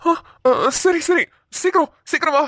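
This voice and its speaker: A woman voicing a kind young man in a cartoon who calms and reassures others. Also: very high voice, moderate pace, dry recording, studio quality. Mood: reassuring. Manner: soothing, reassuring. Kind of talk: cartoon voice acting.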